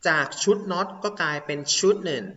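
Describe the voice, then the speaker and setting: A male teacher giving an online English grammar lesson, explaining step by step and repeating words slowly. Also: sits high, animated, bright, forceful tone. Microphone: video call. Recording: dull lo-fi online class audio.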